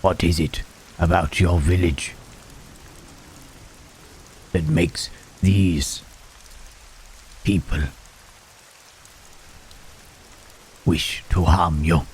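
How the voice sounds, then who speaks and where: A man playing Frankenstein's monster in an ASMR roleplay, a gentle, melancholy reanimated creature who speaks in a hushed, halting, formal way. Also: low voice, fairly even intonation, a little hiss or hum. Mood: brooding, melancholy.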